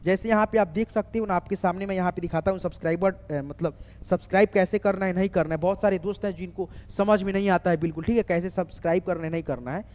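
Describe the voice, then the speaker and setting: A man teaching a spelling lesson, slowly spelling words letter by letter and often checking that viewers follow. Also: sits high, steady tone, darkish tone. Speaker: online English tutor. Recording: echoey room with long reverb.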